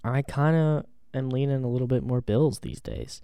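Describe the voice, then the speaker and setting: A man co-hosts a podcast, chatting casually about football at a moderate pace in a mid-range, expressive, mellow voice. His tone is clean with no echo, and his easygoing, hedging delivery is full of ums and restarts.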